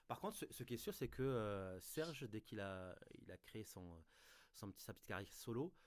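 Man, Lot-et-Garonne accent, lowish voice, casual co-host who hesitates a lot. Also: expressive, normal speed. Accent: Lot-et-Garonne (southwest France). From Lot-et-Garonne, France. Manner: hesitant, many fillers and restarts. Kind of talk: casual chat.

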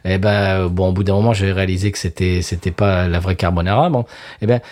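A man's voice: low voice, fairly even intonation, fast, a little mellow. A man co-hosting a casual chat, talking animatedly and often stammering and restarting his words. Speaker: podcast co-host.

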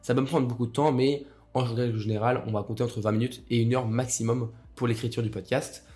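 A young man with a cold-roughened voice hosting a casual solo podcast, rambling with many fillers and restarts. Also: mid-range voice, fairly even intonation, fast, darkish tone. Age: young adult. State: hoarse from a cold. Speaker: podcast host.

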